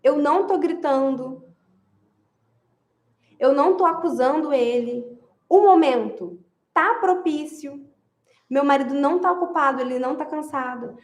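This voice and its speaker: Emphatic high-voiced woman. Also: a little slow, long pauses, echoey room. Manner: emphatic, repeats key phrases, addresses viewers directly. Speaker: marriage advice speaker. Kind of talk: direct-to-camera advice talk.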